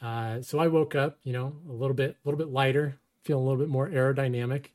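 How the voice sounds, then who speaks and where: A man's voice: medium pitch, fairly even intonation, quick pace, a little mellow. A man in his thirties casually telling a personal story, wry and self-deprecating, laughing often. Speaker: storyteller guest.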